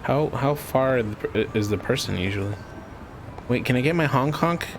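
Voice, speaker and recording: A man's voice: mid-range voice, lively intonation, moderate pace, noisy background. A man giving casual, joking commentary while playing a video game, often breaking into laughter.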